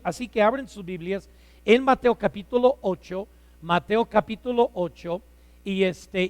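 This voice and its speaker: Loud man preaching. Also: sits high, no room sound, big-room sound. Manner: loud, with frequent "este" fillers and light humor. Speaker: guest preacher. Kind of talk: sermon. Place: church sanctuary.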